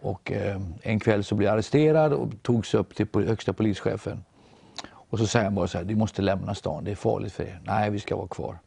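Man, Norwegian native, gravelly, dark low voice, testimony, dry sound. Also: no room sound. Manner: animated storytelling, voices others in quotes. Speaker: guest storyteller.

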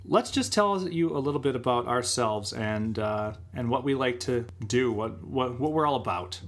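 A man's voice: medium pitch, expressive, moderate pace. A man co-hosting a movie podcast, eagerly explaining the show format in casual chat. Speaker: podcast co-host.

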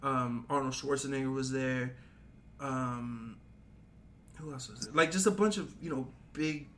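A man's voice: mid-range voice, a little slow, a bit bright, a little hiss or hum. A young man co-hosting a podcast in casual chat, talking in a rambling, laid-back way full of slang and fillers. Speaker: podcast co-host.

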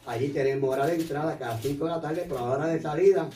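Brief: male church radio host, mellow tone, peppers every line with hallelujahs, echoey room, distant mic. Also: on the high side. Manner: fills pauses with hallelujahs. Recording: roomy sound, distant mic.

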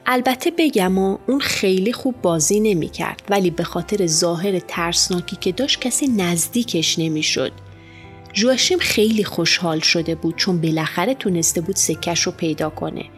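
A woman narrating a children's storybook in the first person as a schoolboy, with lively, expressive storytelling. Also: on the low side. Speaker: audiobook narrator. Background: faint music.

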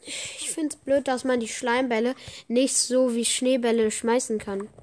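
An excitable woman gives running commentary on a video game, talking casually to her listeners. Her voice sits a little high, and she breaks into slang exclamations often. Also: measured pace. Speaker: gaming podcaster.

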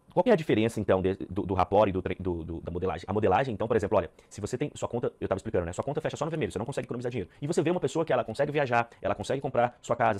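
A male sales trainer leads a live online class over a video call. He talks extremely fast in a somewhat low voice. He is energetic, repeats key points and keeps checking that his students follow.

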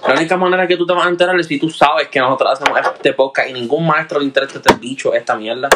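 A man's voice: fairly high pitch, racing, heavy background noise. A teenage man, co-hosting a podcast, rambling and swearing freely. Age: teens. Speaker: podcast co-host. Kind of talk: casual chat.

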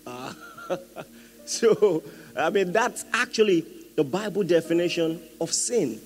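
High-voiced emphatic male preacher. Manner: emphatic, rising to loud shouted peaks; asks the audience questions, humorous asides. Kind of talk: sermon.

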